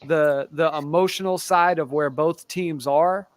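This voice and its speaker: Male panelist, higher voice, animated analysis, dry close mic. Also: a little slow, no echo. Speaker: podcast panelist. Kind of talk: casual sports chat.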